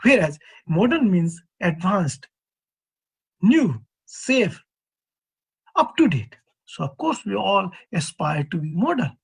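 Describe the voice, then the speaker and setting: An earthquake engineer from East Nepal gives a prepared convention presentation in a husky, high voice with big pitch swings and a Nepali accent. He is measured and earnest and poses questions to the audience.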